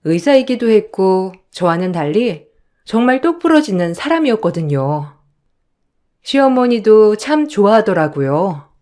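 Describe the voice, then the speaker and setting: A woman's voice: mid-range voice, sing-song, a little slow, mellow. Woman narrating a personal story.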